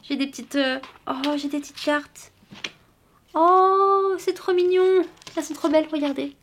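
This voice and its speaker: A woman's voice: high-pitched, unhurried, a little hiss or hum. A woman from France chatting casually in a book haul vlog, gushing with frequent exclamations and restarts. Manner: gushing, exclaims often, many fillers and restarts. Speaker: booktuber vlogging a book haul. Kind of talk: casual chat.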